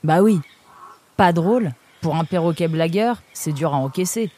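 A woman's voice: fairly low pitch, dark tone, slight background noise, natural voice. A woman voicing a cheeky male friend who teases and cheers up his pal. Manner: cheeky, encouraging, quick. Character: teasing, upbeat male best friend.

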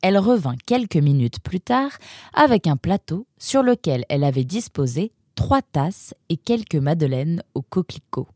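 A woman narrating a serialized audio story in a measured, even manner. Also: lowish voice, dry recording, clean studio sound.

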